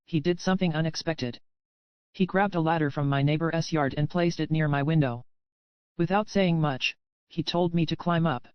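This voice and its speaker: A woman narrates a first-person audiobook in an even, steady storytelling voice. Her tone is smooth and clear. The recording is dry and slightly dull. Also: low voice, no room sound.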